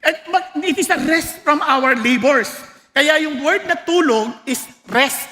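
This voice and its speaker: A man's voice: very high-pitched, lively intonation, measured pace, sharp tone. A man with a Filipino accent preaching a sermon, mixing Tagalog and English and joking with his congregation. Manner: switches between Tagalog and English, laughs and jokes with the congregation. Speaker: pastor. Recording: long hall reverb.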